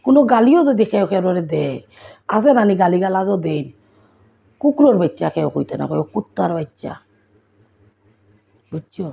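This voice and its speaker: A woman's voice: medium pitch, sing-song, normal speed, creaky, long pauses, breathy edge. A woman with a Sylheti accent chatting casually to her viewers in a vlog, often checking whether they follow. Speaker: vlogger. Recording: tinny phone-like sound.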